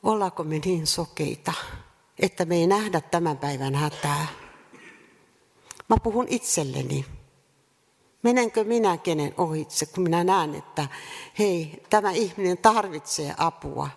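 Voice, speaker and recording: A woman preaching a sermon earnestly, repeating rhetorical questions and pausing between phrases. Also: fairly low pitch, vocal fry. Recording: reverberant hall sound.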